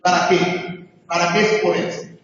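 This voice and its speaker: A man's voice: high voice, little pitch movement, unhurried, fairly bright tone. A man in his forties giving an emotional personal testimony to a seminar audience, acting out the conversations he recalls. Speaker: seminar speaker. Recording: echoey hall, distant dull mic.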